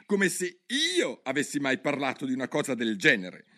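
A man reading a storybook aloud, voicing a touchy, easily offended little mouse with a shrill, squeaky voice. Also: big pitch swings, normal speed, sharp tone. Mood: indignant.

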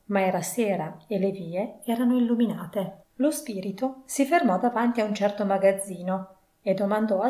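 A woman's voice: mid-range voice, dark tone. Woman narrating a classic novel, roomy sound. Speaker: audiobook narrator. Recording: roomy echo.

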